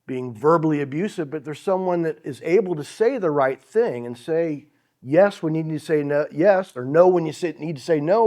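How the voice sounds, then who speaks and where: A middle-aged man preaching a conversational sermon, chuckling as he acts out example phrases. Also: on the high side.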